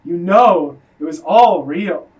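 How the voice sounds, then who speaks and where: A man voicing a calm, wise dead friend. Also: high-pitched, distant mic, poor audio. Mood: gentle, calm. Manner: calm, slow, soft-spoken.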